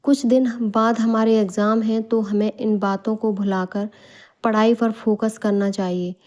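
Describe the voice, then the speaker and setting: A woman reading as a sensible young woman in a bedtime storybook, teasing and fondly scolding. Her tone stays mellow and warm, close to a plain reading voice. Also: medium pitch, little pitch movement, unhurried, lightly acted. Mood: serious.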